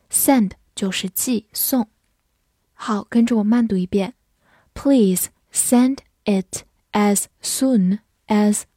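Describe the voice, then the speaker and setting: A woman teaching English vocabulary, who spells out words and reads example sentences slowly for learners to repeat. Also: on the high side, mellow, husky, no room sound, studio quality. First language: Chinese. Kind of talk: vocabulary lesson narration.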